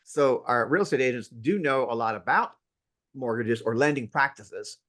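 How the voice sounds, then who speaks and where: Brief: male real estate instructor, mid-pitched, emphatic and playful, a lively storyteller. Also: moderate pace. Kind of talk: interview conversation. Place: at home near an outdoor deck.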